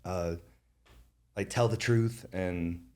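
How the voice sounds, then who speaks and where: A man's voice: deep voice, slow pace, a little mellow. A man hosting a podcast, talking casually and emphatically, repeating words for stress. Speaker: podcast host.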